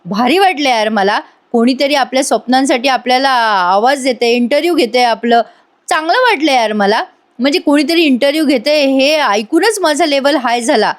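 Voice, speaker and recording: A woman's voice: high-pitched, brisk. Chatty woman recapping a TV serial. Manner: retells scenes, acting out the characters' lines. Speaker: serial review host. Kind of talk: casual spoken episode recap.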